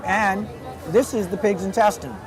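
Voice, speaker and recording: High-voiced man at a crowded night market. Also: normal speed, music in the background. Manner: easygoing, chatty, trying street food. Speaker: travel show host. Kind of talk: casual on-location food commentary. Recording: noisy crowd outdoors. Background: busy crowd chatter.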